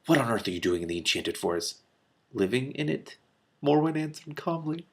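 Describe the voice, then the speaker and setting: Reading a fantasy novel out loud, a man voices the characters louder and at a higher pitch. His animated asides come between passages as quick mutters, laughs and curses, so he is both reader and commentator.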